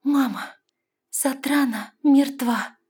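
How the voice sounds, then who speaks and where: A woman voicing a fragile young princess who pleads with her mother in high, tearful cries. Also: takes it slowly, darkish tone, husky, full character voice. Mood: earnest. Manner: high, pleading, sobbing outbursts.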